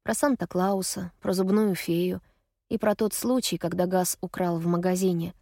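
Audiobook, a woman voicing a young older sister, soft wavering voice, tearful and guarded, dry close sound. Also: on the low side, fairly even intonation, moderate pace, no room sound. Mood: confessing.

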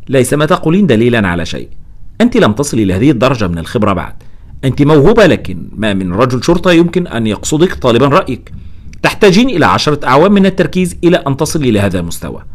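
A man's voice: medium pitch, big pitch swings, very fast. A man doing a wry Russian professor. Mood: teasing.

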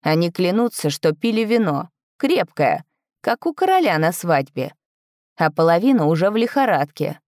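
A woman reading the part of a stern, cold male army general in an audiobook, with a flat, clipped, icy delivery. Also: lowish voice, normal speed, dry recording, studio quality. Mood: accusing. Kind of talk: audiobook character voice.

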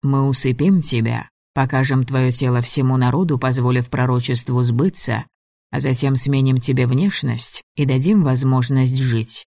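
A scheming old elder mage who speaks calmly and smoothly while threatening, read by a man. His voice sits mid-pitched and even. The recording is close and dry. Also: moderate pace, no room sound, close to an everyday voice. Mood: coldly calm. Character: old male elder mage, falsely gentle, menacing. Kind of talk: audiobook reading.

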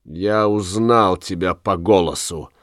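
A man's voice: low-pitched, slow pace, dry recording, studio quality. A man voicing a bold young folk hero, heated and accusing, in a storybook reading.

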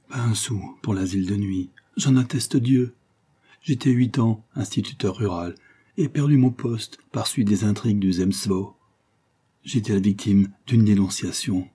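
A man's voice: a little slow, mellow, husky. A man voicing a ragged drunken beggar who pleads and stammers. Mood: pleading. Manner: pleading, stammering, high and strained.

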